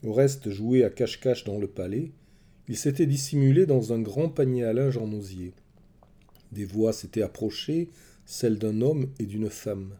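Deep dark mellow guy narrating a myth story, slow and dramatic. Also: husky. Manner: measured, dramatic storytelling, soft at the close. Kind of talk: scripted narration of a myth for listeners.

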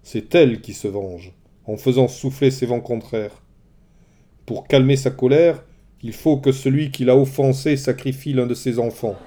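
A man's voice: mid-range voice, measured pace, close to an everyday voice. A man doing a curt, stern old seer. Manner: curt, sharp pronouncements. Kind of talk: storybook reading.

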